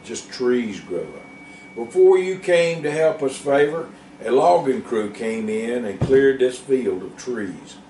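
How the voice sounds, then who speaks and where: A man's voice: medium pitch, slight background noise, lightly acted. A man doing a patient old farm animal. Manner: encouraging, steady. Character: older male work animal, patient steady mentor. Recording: roomy, distant, faint background.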